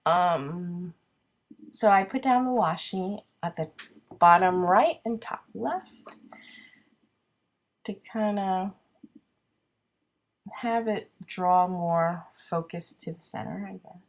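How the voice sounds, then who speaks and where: This craft video features a woman with a cold and a blocked-up voice, musing aloud as she makes cards, filling the air with ums and poking fun at her own clutter. She speaks slowly in a fairly low voice and pauses often.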